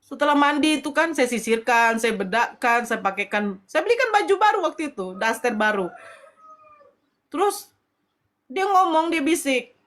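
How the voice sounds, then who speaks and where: A woman's voice: high voice, lively intonation, normal speed, a bit bright. A middle-aged woman telling her personal testimony as a convert, emotional and tearful, with pleading prayers in her story.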